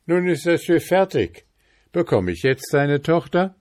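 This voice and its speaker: A man's voice: a little high, lively intonation, takes it slowly, creaky, warm tone, pitched above the performer's own voice, heavily acted. A man voicing a boastful, carefree young peasant lad in a storybook reading, calling out eagerly.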